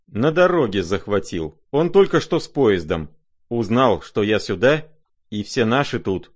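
A male audiobook reader voicing a bluff, hearty old general who talks briskly and loudly. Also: fairly low pitch, very animated. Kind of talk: audiobook character voice.

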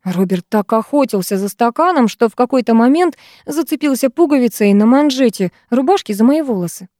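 A woman narrating an audiobook in the first person, with lively, expressive storytelling. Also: fairly high pitch, fairly quick, dry recording, clean studio sound.

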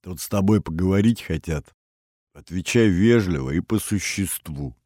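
A man voicing a rough, hoarse male guard in an audiobook, giving gruff orders. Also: low voice, animated, moderate pace, dark tone, no echo, studio quality. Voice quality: hoarse, growling. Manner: gruff and commanding.

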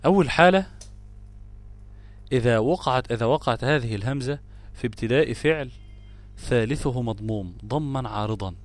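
A man's voice: medium pitch, lively intonation, normal speed, long pauses, faint music behind. A man with an Egyptian Arabic accent teaching tajweed, stressing example words and asking and answering his own questions. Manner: switches between classical Arabic and colloquial asides. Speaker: Quran recitation teacher. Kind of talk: tajweed lesson explaining grammar rules.

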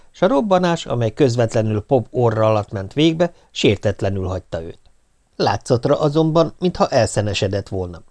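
A man's voice: medium pitch, warm tone. A man reading a humorous first-person audiobook with a wry, dry delivery. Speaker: audiobook reader.

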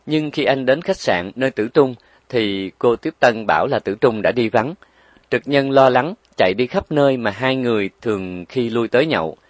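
A man narrating a story in a steady, expressive reading. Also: medium pitch, normal speed, dry recording.

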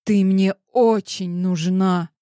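A woman's voice: medium pitch, steady tone, slow, no echo, clean studio sound, close to an everyday voice. Woman reading a hesitant husband. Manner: hesitant, quiet. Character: husband, cautious and unsure. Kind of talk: audiobook character voice.

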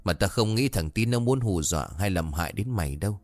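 A man voicing a calm, wise old grandmother who reassures and explains gently. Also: lowish voice, a little fast, dry recording, soft background music, lightly acted. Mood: soothing.

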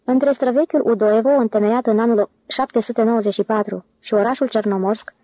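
Woman, audiobook narration, steady delivery, slightly high pitch, mellow. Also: muffled recording. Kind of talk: scripted narration.

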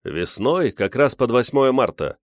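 A man's voice: mid-range voice, lively intonation, unhurried, no room sound, clean studio sound, pitched above the performer's own voice, close to an everyday voice. A man playing a sly old polar explorer with a teasing manner who spins tall tales. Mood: joking.

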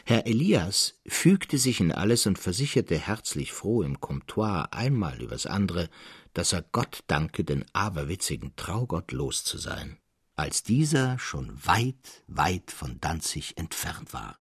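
A man narrating a classic story in an expressive reading, in a studio. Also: deep voice, a little slow, husky, no room sound.

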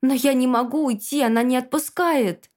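Female reader voicing a scared ghost woman, pleading and strained, pitched high. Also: normal speed, darkish tone, lightly acted. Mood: desperate. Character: frightened desperate female ghost, young woman.

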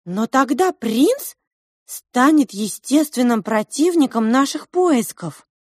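A woman voicing a lively, theatrical young girl who speaks excitedly and showily. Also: high-pitched, slow pace, slightly rough, no room sound, studio quality, pitched above the performer's own voice, exaggerated voice. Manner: excited, languid and showy.

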